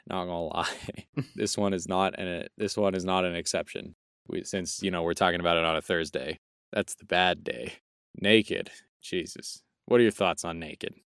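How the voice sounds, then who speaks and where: A man's voice: sits low, steady tone, normal speed, gravelly, a bit bright, smooth, dry recording, studio quality. A young man co-hosting a casual film review podcast, rambling and joking, often correcting himself mid-sentence. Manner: rambling, jokey, self-correcting. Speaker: podcast co-host.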